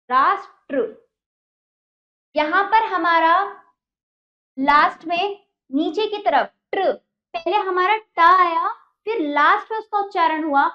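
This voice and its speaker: A woman's voice: sits high, highs cut off. A woman teacher giving a spelling lesson to young children, explaining patiently step by step with repeated examples.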